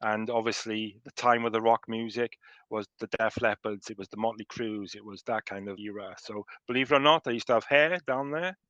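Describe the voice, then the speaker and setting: A man in his fifties from South Wales, with a Welsh accent, tells stories as a guest in a casual remote interview, chuckling and restarting as he goes. His lowish, fairly bright voice moves fairly quickly, and the audio is dull with no echo.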